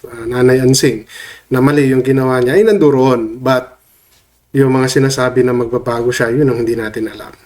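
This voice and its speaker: A man with a head cold talks to camera for his vlog, his voice a touch off from the sniffles. He keeps the commentary loose and conversational, pausing to check in with his viewers every few phrases. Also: mid-range voice, darkish tone. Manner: chatty, tags lines with questions to viewers. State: has a cold, voice a bit off. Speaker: vlogger commenting on online drama.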